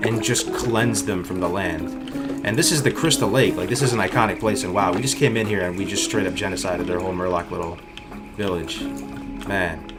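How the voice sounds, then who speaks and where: A man's voice: low voice, brisk. A man livestreaming gameplay commentary with cocky, hyped frat-bro slang. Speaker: game streamer. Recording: loud music behind the voice. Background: loud music.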